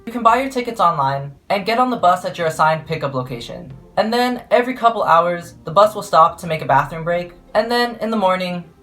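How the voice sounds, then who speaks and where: A woman's voice: on the low side, lively intonation, fairly quick, hardly any pauses, fairly bright tone, soft background music. A young woman narrating her travel vlog in a playful, jokey, self-mocking way. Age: young adult. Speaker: vlogger.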